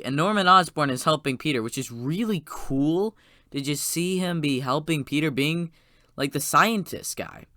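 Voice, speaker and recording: A man retells a film's plot in a casual spoiler review, stumbling through restarts and fillers. His voice is smooth and crisp. It sits close to the mic with no room sound. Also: medium pitch, no room sound. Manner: rambling, excited retelling full of "like" and restarts. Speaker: movie reviewer.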